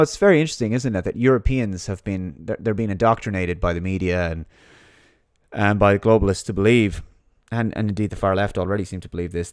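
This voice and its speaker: A man's voice: deep voice, dry recording, studio quality. A man giving a monologue commentary, reading out an article and mocking his opponents in sarcastic put-on voices.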